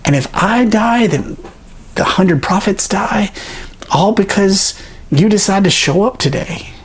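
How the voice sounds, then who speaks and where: A preacher voicing an anxious male court servant who pleads in a worried, raised, quicker voice. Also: medium pitch, animated, breathy edge, pitched above the performer's own voice. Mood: anxious pleading.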